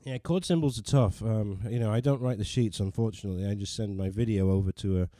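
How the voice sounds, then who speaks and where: A pianist hosts a casual livestream from his living room beside a digital piano, rambling and poking fun at himself as he chats with viewers and often restarts his sentences. His voice is lowish, fast and mellow, with no room sound.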